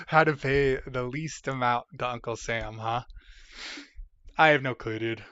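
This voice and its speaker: A man's voice: medium pitch, fairly even intonation, slow pace, a bit bright, clear, resonant tone, dry recording. Tired us guy streaming, rambling thru chat, dry dull mic. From United States. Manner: rambling, reads chat aloud, yawning and tired. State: sleepy. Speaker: livestream host. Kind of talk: casual livestream chat.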